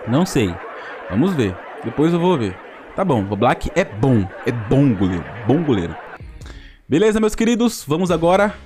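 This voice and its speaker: A young man with a Brazilian accent giving excited commentary on a mobile football game, groaning and laughing at his bad luck. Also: medium pitch, moderate pace, music in the background. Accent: Brazilian Portuguese.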